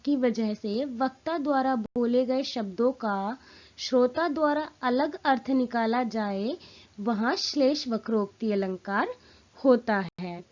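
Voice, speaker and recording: A woman teaching a Hindi grammar lesson in a clear, explanatory way, stressing her example lines. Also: fairly high pitch, a little mellow, highs cut off.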